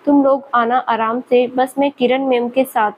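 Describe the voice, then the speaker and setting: A woman's voice: high voice, fairly even intonation, measured pace, dull audio, slight background noise. A woman voicing a playful, mischievous young male professor who teases and laughs at his student. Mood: teasing. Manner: teasing, laughing at her.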